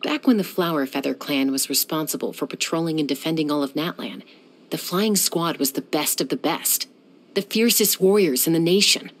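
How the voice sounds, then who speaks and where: A young woman's low voice, at a moderate pace, brings to life a game character: a self-assured, dryly teasing gunslinger who flies and settles disputes. The video game voice lines carry a cool mood.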